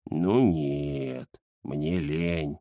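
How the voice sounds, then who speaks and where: A man voicing a fat, lazy, pompous ginger tomcat who grumbles slowly and self-importantly. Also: rumbling low, warm tone, dry recording, clean studio sound, pitched below the performer's own voice, heavily acted. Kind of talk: audiobook character voice.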